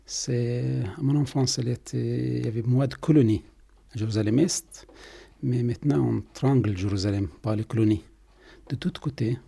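A man from Palestine, answering interview questions slowly and haltingly in his living room. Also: medium pitch, gravelly, dark tone, slightly rough. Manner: halting, searching for words. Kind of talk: radio interview.

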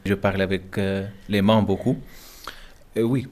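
Gibraltarian man, very low voice, careful halting French with a Spanish lilt, interviewed at home. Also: little pitch movement, a little mellow. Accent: Gibraltarian, Spanish-tinged French. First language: English. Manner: halting, searching for words, many restarts. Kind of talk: interview answers in a second language.

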